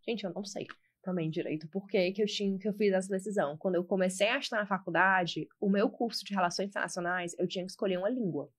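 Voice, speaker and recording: A young Brazilian woman from Ceará, speaking with her regional accent as a podcast guest. She tells her stories in a lively, chatty way and doubles up her words for emphasis. Her pitch sits at an ordinary middle level for a woman. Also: quick pace, few pauses, husky. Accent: Ceará Brazilian Portuguese. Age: 20s. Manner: animated storyteller, repeats words for emphasis. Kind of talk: casual podcast interview.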